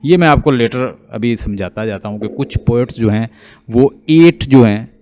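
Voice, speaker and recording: A man's voice: medium pitch, lively intonation, normal speed, darkish tone. A man with a Pakistani accent teaching English literature, explaining step by step and stopping often to ask his students checking questions. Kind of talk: classroom lecture explaining poetic meter.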